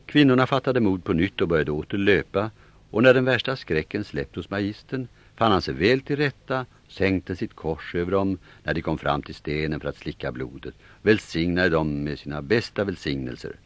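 A man narrating an audiobook in an expressive storytelling manner. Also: low voice, no room sound. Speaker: audiobook reader. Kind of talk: scripted narration.

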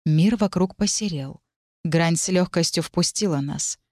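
A woman reading a first-person fantasy story aloud, dramatic and tense, with sharp shouted lines for the characters. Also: lowish voice, measured pace, no echo, clean studio sound. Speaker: audiobook narrator.

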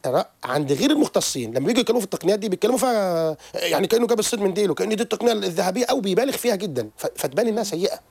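A man, a therapist guest on a radio show who lectures quickly and keeps restarting his sentences. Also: high-pitched, gravelly, breathy edge, no room sound. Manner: animated, rapid lecturing with frequent restarts. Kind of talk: radio interview explanation. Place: radio studio.

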